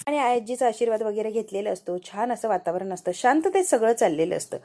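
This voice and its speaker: A woman narrates a soap-opera recap in a relaxed, storytelling manner. Her voice is a bit high but mellow and warm in tone, and she slips the characters' lines into her retelling. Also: fairly quick.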